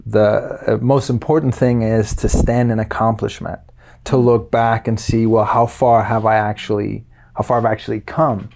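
Man from denmark, 30s, podcast guest, halting speech, lots of uh and um. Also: on the low side, flat delivery, creaky, a little mellow. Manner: hesitant, repeats words, many fillers. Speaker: guest, life coach. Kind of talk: casual interview chat.

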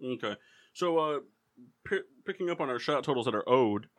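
A man hosting a casual sports and beer podcast, running a trivia game in a halting, rambling way with lots of ums. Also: mid-range voice, expressive, a bit bright. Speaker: podcast host. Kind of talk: casual drinking podcast chat.

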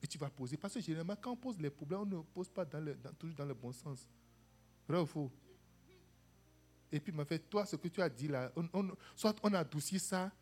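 Lively husky woman preacher. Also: low-pitched, a little fast. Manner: animated, calls for "Amen" and "Alléluia", acts out quoted voices. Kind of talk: sermon.

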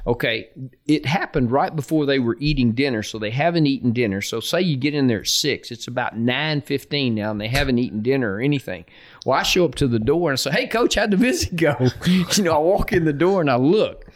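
A middle-aged man, a football coach, tells a story in a relaxed, chatty way. He slips into the voices of the people in it as he goes, laughing along with his own tale. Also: mid-range voice, a little fast. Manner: lively anecdote, acts out quoted voices with laughter. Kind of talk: casual storytelling.

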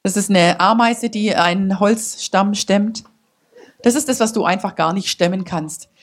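A woman preaching a sermon to her church, passionate and building up to loud exhortation. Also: mid-range voice, measured pace. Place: church service.

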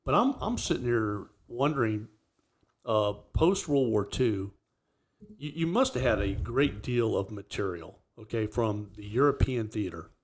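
A man co-hosting a podcast, a former soldier, talking casually in a searching, halting way with many restarts. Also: medium pitch. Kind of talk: casual chat.

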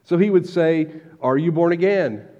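A man delivers a sermon in a measured way, slowing down on the key words. His voice sits a little high but sounds mellow and dark in tone. The recording is dull and lo-fi, with a long reverb trailing through a large church hall. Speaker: pastor.

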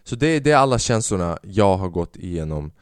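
A man hosting a podcast, telling a story in a casual monologue, animated and swearing, acting out the people he quotes. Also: low-pitched, clean tone, no echo, clean studio sound. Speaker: podcast host; stand-up comedian.

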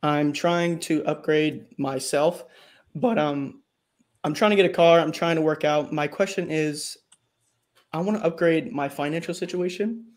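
A man's voice: fairly high pitch, a little slow. A man around twenty asking a question on a video call, polite and hesitant with many ums. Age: 20s. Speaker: caller.

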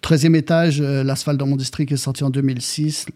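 A man's voice: medium pitch, fairly quick. A man with a French accent, a rapper guest telling stories in a casual podcast chat, with many fillers and repeats. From France. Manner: animated storytelling, lots of fillers and repeats.

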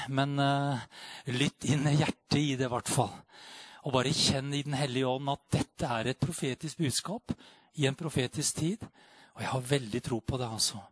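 A man preaching a charismatic sermon, fervent and full of amens and hallelujahs, rising to loud exclamations and dropping to quiet reflection. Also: mid-range voice, dry recording, studio quality. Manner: peppers speech with amen and hallelujah.

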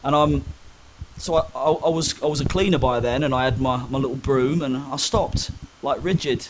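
In an interview, a young male guest tells candid personal stories conversationally, stumbling with frequent ums and restarts. He has a mid-range voice at a normal speed, and there's slight background noise.

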